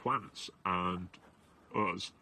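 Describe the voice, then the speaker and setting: A young man chatting casually as a podcast co-host, halting and repeating himself, with some swearing. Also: sits low, vocal fry, a crowd in the background. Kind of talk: casual rambling chat. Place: outdoors in a field.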